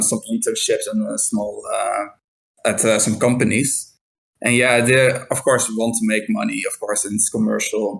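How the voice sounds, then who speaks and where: A young man with a Dutch accent, a game programmer answering interview questions thoughtfully, pausing often with fillers. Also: on the low side, vocal fry, a bit bright, poor audio. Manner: thoughtful, hesitant with many fillers.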